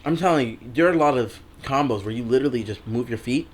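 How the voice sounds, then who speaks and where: A young man in his twenties talks games on a casual podcast with a mid-range voice. He gets animated, acting out his reactions and making little sound effects as he goes. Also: medium pitch, quick pace. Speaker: podcast guest. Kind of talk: casual chat.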